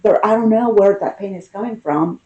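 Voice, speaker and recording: A woman giving an intimate tarot reading in a casual, conversational manner, with unhurried, drawn-out emphasis and a mellow, soft-edged voice. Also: medium pitch, phone-quality sound. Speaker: tarot card reader.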